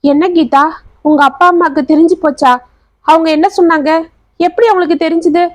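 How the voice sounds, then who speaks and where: A woman's voice: sits high, normal speed, no echo. A woman voicing an earnest, anxious young man who is a devoted son. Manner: earnest and pleading.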